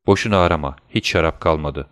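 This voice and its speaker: A man reading aloud as a frail, poor old father, soft and reassuring to his son. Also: a bass voice, fast talker, dry recording, studio quality. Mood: gentle.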